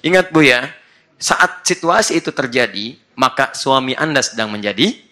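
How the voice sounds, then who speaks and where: A man giving an animated sermon as a preacher, acting out everyday scenes in changing voices. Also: mid-range voice, moderate pace. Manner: animated, acts out little scenes in different voices.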